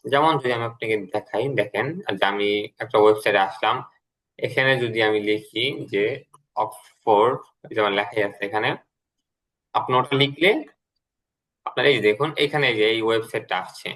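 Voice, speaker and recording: A man teaching an English lesson to a student, patient and explanatory, repeating key words slowly. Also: lowish voice, fairly bright tone.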